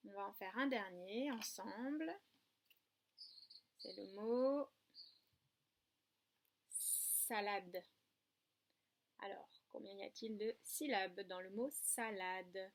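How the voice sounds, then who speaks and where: A woman teaching a lesson to young children from a distance, patient and clear, stressing syllables and spelling words out letter by letter. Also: medium pitch, slow pace, long pauses. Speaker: kindergarten teacher. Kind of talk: remote classroom lesson.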